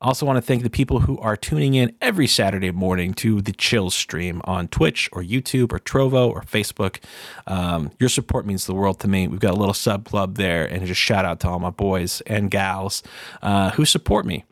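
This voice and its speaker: A man's voice: on the low side, moderate pace, no room sound. A man talking casually and earnestly as the host of a solo podcast, close on the microphone.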